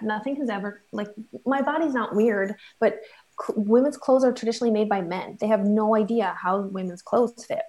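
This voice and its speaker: A woman's voice: medium pitch, poor audio. Woman in her 40s, chatty, pokes fun at herself, interview guest. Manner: chatty and self-deprecating. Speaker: guest, fashion entrepreneur. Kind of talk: candid interview conversation.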